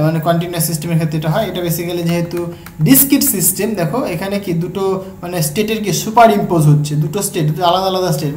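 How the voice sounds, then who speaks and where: A woman with a Bengali accent giving an exam-prep physics lecture, breaking each step down slowly and checking in with her students as she goes. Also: lowish voice, darkish tone. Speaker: physics tutor. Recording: echoey room, faint background hum.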